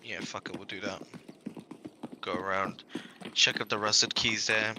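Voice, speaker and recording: Adult British male, relaxed gaming voice chat, bright and a touch low, faint hiss. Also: unhurried. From Britain. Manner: laid-back, swears, British slang. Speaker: gaming teammate.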